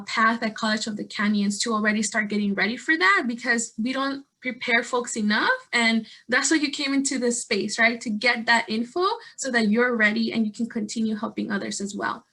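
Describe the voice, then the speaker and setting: A woman's voice: fairly high pitch, a bit bright. A young woman from Guatemala, a community organizer, presenting earnestly over a video call with frequent fillers and restarts. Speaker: statewide organizer and guest speaker.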